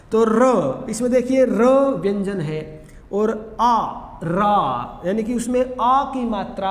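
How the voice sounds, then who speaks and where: A man teaching a grammar lesson in a classroom style, explaining slowly and repeating the key points. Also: high voice. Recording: echoey room with long reverb, faint noise.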